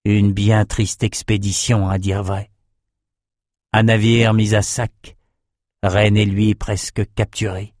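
Low-voiced male audiobook narrator. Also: little pitch movement, slow pace, darkish tone, no echo, clean studio sound. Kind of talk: scripted fantasy narration.

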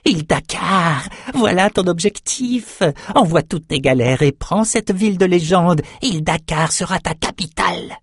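This is a man's take on a wild-eyed albino shaman in a spoken storybook, crooning his prophecies in a lilting, sing-song voice. He lingers on every word and swings widely between high and low. The recording is close and dry. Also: very animated, slow, no room sound. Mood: feverish urging. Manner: singsong, chanting. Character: excitable albino male shaman, singsong, unhinged. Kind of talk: audiobook character voice.

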